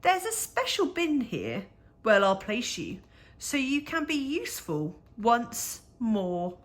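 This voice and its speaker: A woman with a slightly high voice reads a rhyming picture book for young children. She narrates in a measured, expressive way, using dramatic emphasis.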